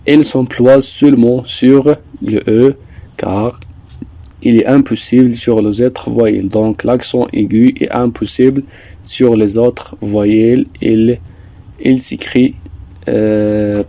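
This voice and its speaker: A man teaching a French lesson, explaining slowly and deliberately, repeating points with some hesitations. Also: mid-range voice, steady tone, mellow, no echo. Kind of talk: slow classroom explanation.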